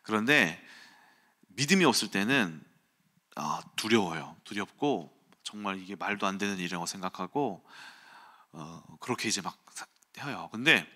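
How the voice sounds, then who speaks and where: A man preaching an early-morning sermon, telling a personal story in an animated way and acting out quotes and sounds. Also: fairly low pitch.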